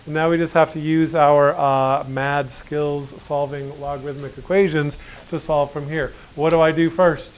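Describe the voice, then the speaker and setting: Man, slightly high voice, math teacher, classroom lecture, casual, joking, quizzes students. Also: level tone, moderate pace, smooth, poor audio.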